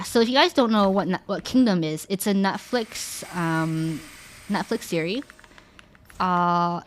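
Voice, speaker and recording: Streaming to her viewers, this young woman from Canada talks in a medium pitch with a casual, animated style. She leans heavily on "like" and keeps starting her sentences over.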